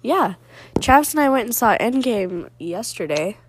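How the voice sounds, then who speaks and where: A woman's voice: fairly high pitch, big pitch swings, moderate pace, noisy background. A woman asking casual interview questions at home, laughing often between them.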